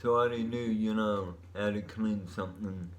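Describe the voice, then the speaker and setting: A man's voice: lowish voice, steady tone, brisk. A man rambling casually as a vlogger, telling stories in a laid-back, meandering stoner-like drawl.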